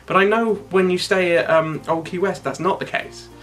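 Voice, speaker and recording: A man's voice: high-pitched, fairly even intonation, moderate pace, a bit bright, soft background music. A man co-hosting a casual review vlog, teasing and wry. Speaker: vlogger co-host.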